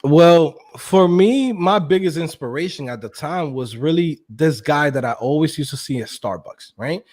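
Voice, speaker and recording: A young man telling his story as an interview guest, slangy and animated, acting out quotes with laughs. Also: fairly high pitch, normal speed. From Queens, New York. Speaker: guest, web developer.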